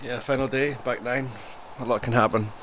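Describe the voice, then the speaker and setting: A man's voice: medium pitch, fairly even intonation, normal speed, fairly bright tone, slight background noise. A man giving conversational golf-style commentary as a co-commentator at a disc golf tournament.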